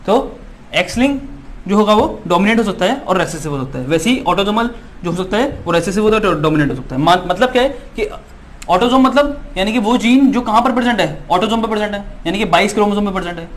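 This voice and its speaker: Male biology tutor, high voice, repetitive and reassuring, faint hiss in the background. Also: lively intonation, fast talker. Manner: repetitive, keeps asking "है ना" to check students follow; reassuring and insistent, promises results. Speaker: biology teacher. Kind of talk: exam-prep lecture.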